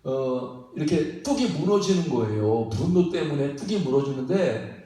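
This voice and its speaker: A man's voice: on the high side, big pitch swings, normal speed, mellow. A man preaching a sermon as pastor in a folksy, repetitive way, chuckling between phrases and often prodding the congregation for a reply. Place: church sanctuary. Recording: very echoey hall, mic at a distance.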